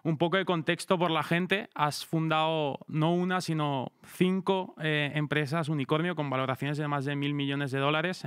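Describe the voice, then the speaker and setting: A man's voice: on the high side, a bit bright, smooth, dry recording, studio quality. An upbeat young man hosting an interview, introducing his guest and asking questions with enthusiasm. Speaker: interview host. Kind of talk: podcast interview.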